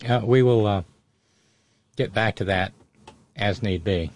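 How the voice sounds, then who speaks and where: A man's voice: fairly low pitch, unhurried, a little mellow. A man hosting casual live political commentary in a sardonic, mocking manner. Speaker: host of political commentary show.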